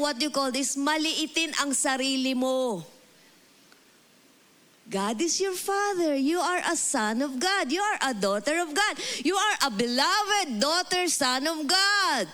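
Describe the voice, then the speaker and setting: A woman pastor with a Filipino accent preaching a lively, humorous sermon. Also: high voice, slow. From Philippines. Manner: mixes Tagalog and English, lively and humorous.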